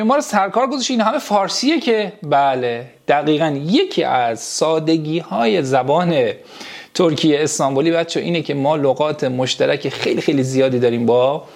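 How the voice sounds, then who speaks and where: High-voiced man drilling pronunciation. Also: gravelly, darkish tone. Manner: slow, repeats each sound and word several times for drilling; addresses the class directly and affectionately. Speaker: language teacher. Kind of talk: pronunciation lesson for beginners.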